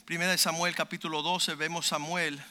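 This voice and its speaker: A man's voice: on the high side, flat delivery, brisk, pushed and bright. A man preaching a sermon, telling a testimony with fervent emphasis and acting out what people said. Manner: fervent, emphatic storyteller who acts out quotes.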